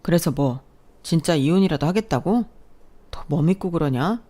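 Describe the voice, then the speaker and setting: Woman doing a bullying, sneering husband, lowish voice, storybook drama. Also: lively intonation, moderate pace. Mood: scornful. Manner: shouting, insulting, bossy. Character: angry young adult husband, blustering, scornful.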